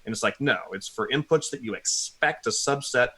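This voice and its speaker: A man's voice: medium pitch, brisk, pushed and bright, breathy edge. A man co-hosting a casual tech podcast, ranting animatedly with a self-mocking streak. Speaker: podcast co-host.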